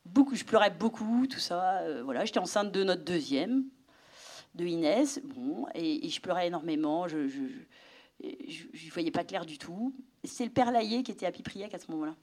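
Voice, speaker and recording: A woman's voice: on the low side, moderate pace. Middle-aged woman telling her story. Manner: animated storytelling, drops to a whisper for inner thoughts. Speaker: speaker giving a testimony. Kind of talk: personal testimony to an audience.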